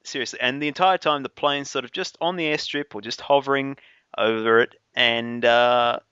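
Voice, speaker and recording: Bloke with a bright mid voice, laid back, lotsa ums, dry muffled recording. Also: male voice, mid-range voice, normal speed, clear, resonant tone, no room sound. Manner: relaxed, asks questions, filler-heavy. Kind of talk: casual film discussion.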